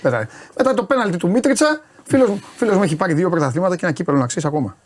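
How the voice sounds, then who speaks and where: Male host, chatty studio banter, higher voice that jumps around a lot. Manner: animated, mimics others in excited raised voice. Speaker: show host.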